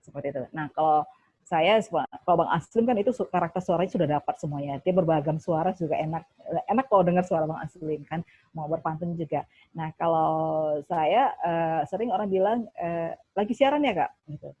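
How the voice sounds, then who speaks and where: A woman's voice: deep voice, a little fast, a little mellow, husky, no echo, dull audio. Woman with a broadcaster's delivery. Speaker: TV news presenter and trainer. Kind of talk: workshop talk.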